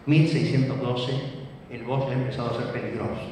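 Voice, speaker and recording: A man's voice: medium pitch, little pitch movement, a little fast, a little mellow, slight background noise. A man giving an academic lecture, teaching and checking in with his listeners. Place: lecture hall. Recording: echoey hall from far off.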